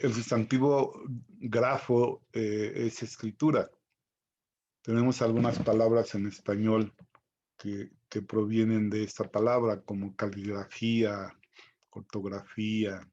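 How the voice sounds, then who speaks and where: A man teaching a recorded Greek vocabulary lesson, spelling out each pronunciation slowly and carefully. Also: on the low side, level tone, darkish tone, lo-fi sound.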